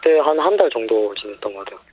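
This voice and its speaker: Voice-disguised young man, 19, pitch shifted deep, quick halting answers, dry sound. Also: very animated, a little mellow, slightly rough, dry recording, low-quality recording. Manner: halting, hesitant, short answers. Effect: voice disguised, pitch shifted deeper. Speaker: interviewee. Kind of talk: news interview.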